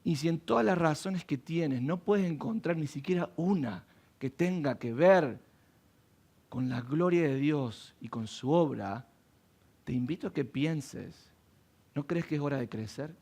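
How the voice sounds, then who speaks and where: A man preaching from the pulpit, his voice gravelly with a lot of fry and sitting somewhat high for a man. He keeps putting rhetorical questions to his listeners. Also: animated, measured pace, a little mellow. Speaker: pastor. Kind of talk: sermon. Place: church.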